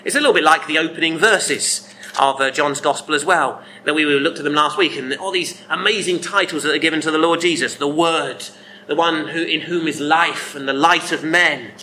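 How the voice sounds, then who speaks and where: A male preacher gives a sermon in a very bright, sharp voice. His pitch sits a little high, and he speaks with earnest emphasis, often posing rhetorical questions. A faint hiss of noise runs beneath him. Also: normal speed, rough recording.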